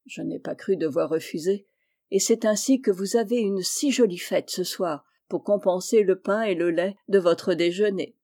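A woman reading the part of a kind mother of four daughters, calm and reassuring. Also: mid-range voice, normal speed, lightly acted. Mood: gentle.

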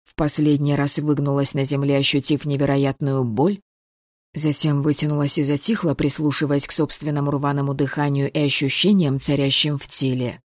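An audiobook reader gives steady, measured first-person fantasy narration at a middle pitch. The recording is dry and close, with no room sound. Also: no echo.

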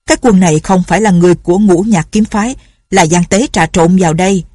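A woman's voice: fairly low pitch, fast talker, a little mellow, dry recording, clean studio sound, natural voice. A woman voicing young male sect disciples crying out an alarm in a martial arts audiobook.

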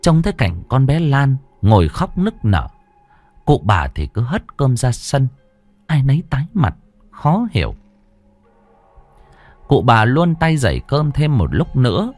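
A man narrating a story in an expressive, animated storytelling manner. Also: medium pitch, unhurried, no room sound, soft background music.

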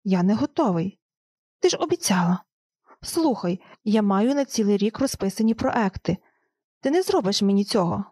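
A woman's voice: mid-range voice, animated, moderate pace, mellow, husky, no room sound, clean studio sound. A woman reading the lines of an overworked husband in an audiobook, with a rising, pleading delivery. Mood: agitated.

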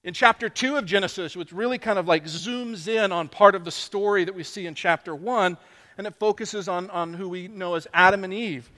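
A man's voice: sits high, a little fast, bright, forceful tone. A middle-aged man preaching a sermon in a conversational, self-deprecating way, restarting phrases often. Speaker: pastor. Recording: long hall reverb.

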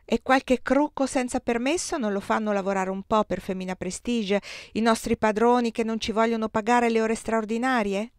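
A woman's voice: a little high, steady tone, normal speed, hardly any pauses, clear, resonant tone, no room sound, clean studio sound, pitched above the performer's own voice, close to an everyday voice. A woman voicing an insistent, argumentative male immigrant furrier who presses with pointed questions.

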